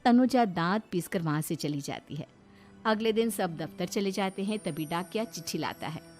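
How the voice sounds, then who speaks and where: A woman narrating a family cartoon story in a steady, expressive storybook style. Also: on the low side, normal speed, soft background music.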